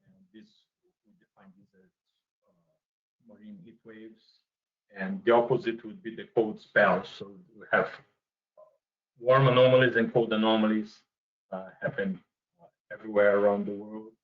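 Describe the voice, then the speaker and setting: A man giving an academic seminar talk over a video call, his mic volume going up and down as he speaks, halting and repeating words as he explains. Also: fairly low pitch, fairly even intonation. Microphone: computer mic over a video call. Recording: dull lo-fi video call audio.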